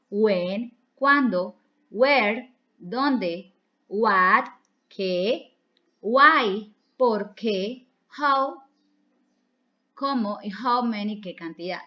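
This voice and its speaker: A woman from Colombia teaching a recorded online English class, explaining each step patiently and repeating key words in two languages. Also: medium pitch. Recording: dull lo-fi recording.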